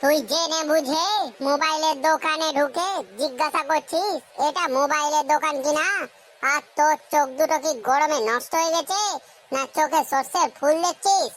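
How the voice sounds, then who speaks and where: An actor voicing a hot-tempered young male shopkeeper who snaps loudly at his customers in a cartoon comedy. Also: very high voice, fairly even intonation. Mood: mocking. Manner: loud, scolding, quick to snap at customers.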